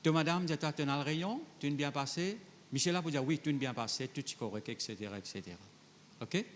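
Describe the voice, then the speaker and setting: This male pastor speaks briskly in a voice on the high side, reading Bible verses and then addressing the congregation in a conversational sermon that mixes French with Creole phrasing. The audio has a big-room sound and slight background noise.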